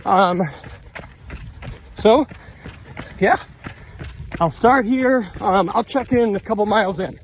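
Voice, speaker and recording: Guy doing a casual running vlog, talking while running, kinda high voice, bit of outdoor noise on his phone. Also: slow, pauses often, low-quality recording. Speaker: running vlogger. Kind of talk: casual vlog talk to camera. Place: outdoors on a trail. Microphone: handheld phone.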